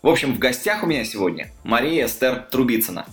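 A man's voice: medium pitch, very animated, fast, soft background music. A man hosting a podcast, introducing his guest and asking interview questions. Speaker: podcast host.

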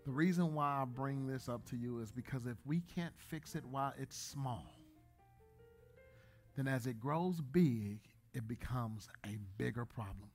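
A man in his thirties, a pastor, preaching a sermon in a church, joking at times and then building to loud, emphatic bursts. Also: medium pitch, measured pace, soft background music. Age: 30s.

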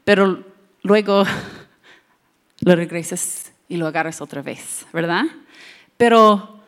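Slow, expressive young woman preaching. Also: fairly low pitch. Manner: switches between Spanish and English, laughs at own jokes; expressive, shouts and drops to hushed tones for emphasis. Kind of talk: bilingual sermon.

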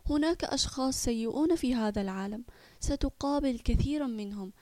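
A woman voicing a caring, protective mother in a children's audio story, reassuring and warm. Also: a little high, fairly quick, no room sound, close to an everyday voice. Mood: tender.

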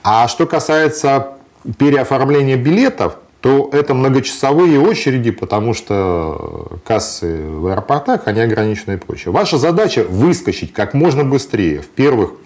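In a conversational interview, a male guest recounts his travel experience, giving practical advice in a matter-of-fact way with plenty of hesitation sounds. His mid-range voice has a darkish tone, lively intonation and a moderate pace.

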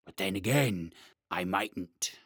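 A man reading aloud, voicing a lonely, gentle old male dragon who speaks low and slowly. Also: vocal fry, slightly rough, dry recording, studio quality, full character voice. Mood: doubtful. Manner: low, slow and mild.

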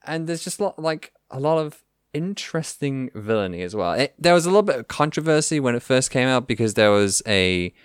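A male podcast host talking casually, rambling enthusiastically and piling up fillers. His smooth voice swings up and down in pitch. The sound is close and dry. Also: big pitch swings, brisk, dry recording. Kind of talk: casual chat.

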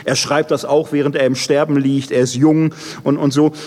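Male preacher, slightly high, husky; conversational sermon with pauses, long church reverb. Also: level tone, a little mellow. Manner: conversational, with many fillers and pauses.

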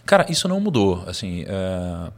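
A man, a podcast guest telling a story in a lively, slangy way with laughs. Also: low-pitched, normal speed. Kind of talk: casual storytelling interview.

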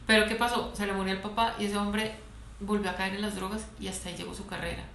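A woman's voice: mid-range voice, fast, vocal fry. Woman, sports doctor, chatty and playful storyteller; roomy echo, faint noise underneath. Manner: animated, laughs often, playful storytelling. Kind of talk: casual interview talk. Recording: echoey room, faint background noise.

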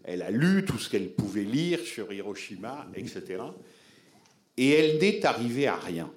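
A man's voice: lowish voice, very animated, normal speed. A man giving a public talk on film, answering audience members in an explanatory, emphatic way and addressing listeners directly.

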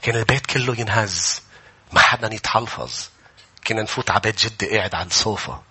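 A male pastor, preaching an impassioned sermon that often rises to shouts. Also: fairly low pitch, fast, breathy edge.

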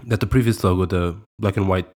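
This podcast co-host is a young man from Portugal whose low voice moves fast and carries a Portuguese accent. The chat is casual and easygoing, full of hesitations and frequent laughter.

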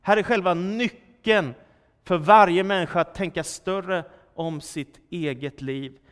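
A man's voice: high voice, fairly bright tone, clear, resonant tone. A man preaching a sermon, emphatic and full of rhetorical questions, his voice swelling and dropping for effect. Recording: long church-hall reverb.

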